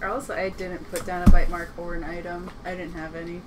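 Woman, low voice, hesitant, casual card game, loud background noise. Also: flat delivery, a little fast. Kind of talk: casual game-night banter.

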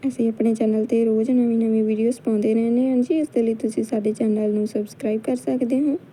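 A woman with a Punjabi accent, calmly explaining a cooking recipe step by step as a channel host. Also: on the high side, quick pace, a little hiss or hum, rough recording. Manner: calm step-by-step instruction. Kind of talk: cooking tutorial narration.

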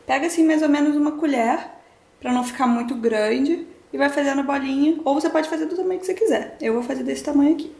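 A Brazilian woman in her twenties, a cooking vlogger, chats through a tutorial in her home kitchen, explaining each step to viewers. Her voice is high, fast, and gravelly with a darkish tone, and the sound is reverberant.

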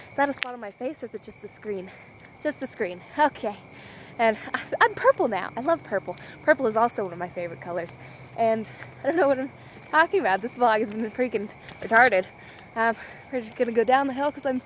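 A woman's voice: fairly high pitch, a bit bright, a little hiss or hum, rough recording. A young woman walking outdoors with a handheld camera, vlogging in a rambling, scatterbrained, giggly way. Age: young adult. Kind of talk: rambling casual vlog.

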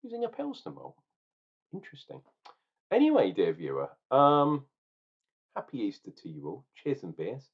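A man's voice: medium pitch, huge pitch swings, moderate pace, pauses often, slightly rough. A man in his forties reviewing a beer at home, talking casually to a webcam in an opinionated, rambling, jokey way. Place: small room at home, indoors. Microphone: webcam at desk. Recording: dull lo-fi webcam sound.

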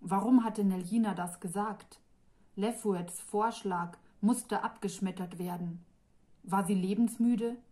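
A woman reading her own fantasy novel aloud in a calm, measured way. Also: mid-range voice. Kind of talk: audiobook narration.

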